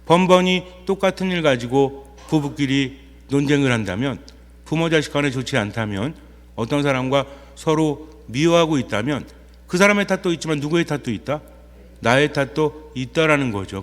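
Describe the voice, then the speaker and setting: Priest with a ringing hall echo. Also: male voice, expressive, moderate pace. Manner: asks rhetorical questions and answers them himself; acts out quoted inner voices in a softer, lower tone. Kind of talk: sermon.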